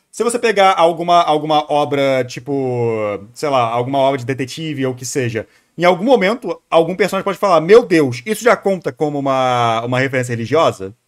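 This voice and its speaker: A reaction streamer with a Brazilian accent gives casual live commentary in a fairly high voice, rambling and thinking aloud in slang.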